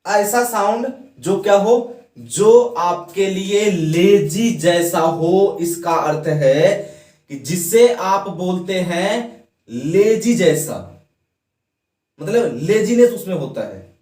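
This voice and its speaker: A man teaching an English grammar lesson, talking slowly in a high voice that swoops up and down. He asks questions and answers them himself. The sound is roomy and a little distant from the mic. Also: lively intonation, darkish tone. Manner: explains by asking the students questions and then answering them; has the class repeat words after him. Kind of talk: classroom lesson.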